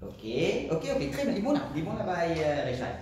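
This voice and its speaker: A man's voice: sits high, sing-song, fast talker, a little mellow, a little hiss or hum. A man with a Mauritian accent teaching a class, asking questions and repeating students' answers. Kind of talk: classroom lesson. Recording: echoey classroom from far off.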